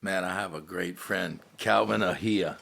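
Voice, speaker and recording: A man's voice: sits low, measured pace, creaky, fairly bright tone. A man hosting a podcast, chatting casually and retelling a friend's story before handing the question to his guest. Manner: conversational, asks guest to elaborate. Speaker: podcast host. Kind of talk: casual interview chat.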